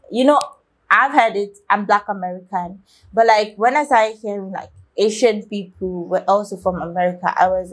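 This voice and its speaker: A young woman hosting a reaction video, talking straight to her viewers in a loose, halting way. She has a mid-range voice, restarts her sentences and fills gaps with "um" and "like" as she thinks aloud. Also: medium pitch. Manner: rambling, halting, with many restarts and fillers; talks straight to viewers, asking their opinion. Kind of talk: casual reaction commentary.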